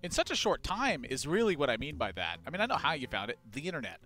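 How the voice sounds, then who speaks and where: A young male co-caster who talks fast in a bright, lively voice. He breaks down deck lineups with quick deadpan jokes, and faint music runs behind him. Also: fairly high pitch. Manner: quick, joking, deadpan asides. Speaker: esports co-caster. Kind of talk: tournament commentary.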